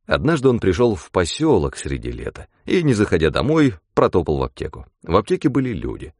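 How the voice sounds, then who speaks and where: A man with a low voice telling a story in a wry, animated way. His pitch rises and falls a great deal, and the sound is dry and close to the mic. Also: a little fast, no room sound. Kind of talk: expressive story reading.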